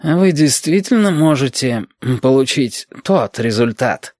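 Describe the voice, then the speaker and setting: A man voicing a bearded chairman who speaks slowly and drily, weighing his words, in an audiobook. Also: medium pitch, expressive, no echo, pitched above the performer's own voice, close to an everyday voice. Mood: hesitant. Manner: slow, weighing words, dry. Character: slow, authoritative bearded male chairman. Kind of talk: audiobook character voice.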